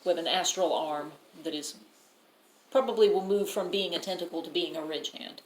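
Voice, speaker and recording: Low-voiced woman playing a tabletop game. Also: normal speed. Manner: lively, describes her character's moves. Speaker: player. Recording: echoey room, faint noise.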